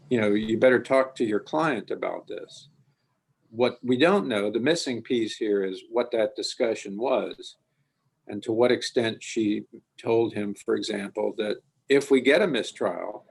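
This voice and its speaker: A man's voice: mid-range voice, gravelly, husky, rough recording. A man questioning counsel from the appellate bench, pointed and probing. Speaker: appellate judge. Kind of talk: appellate oral argument.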